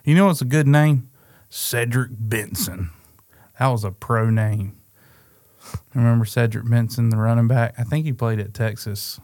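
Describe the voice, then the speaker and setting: A man co-hosting a casual chat show, rambling and laughing mid-sentence, his pitch jumping up when he gets excited. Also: normal speed, no echo, studio quality. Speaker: podcast co-host.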